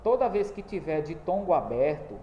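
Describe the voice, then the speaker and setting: A man teaches a lesson, patiently going over each point and checking in with the class as he goes. His voice sits a little high but sounds mellow and dark. The room echoes, with a faint hiss behind him. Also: very animated, normal speed, lo-fi sound. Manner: explanatory, repeating points with tag questions.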